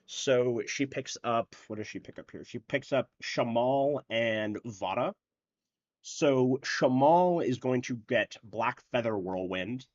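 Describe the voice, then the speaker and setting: Through a muffled recording with no room sound, a man with a mid-range voice talks slowly but animatedly while hosting an online card tournament. His live-stream commentary is casual, rambling and full of fillers as he walks through every play.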